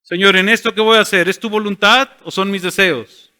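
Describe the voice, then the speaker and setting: A man's voice: high voice, fairly even intonation, a little fast, bright, forceful tone, clear, resonant tone, in a large hall. A man preaching a sermon as pastor, asking rhetorical questions and answering them himself. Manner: asks rhetorical questions and voices imagined listeners. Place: church sanctuary.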